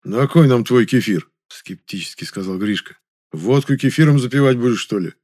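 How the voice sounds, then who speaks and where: A man voicing a hoarse, injured working-class man in a spoken audiobook story. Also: on the low side, normal speed, darkish tone, lightly acted. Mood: complaining. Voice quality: hoarse, wheezing.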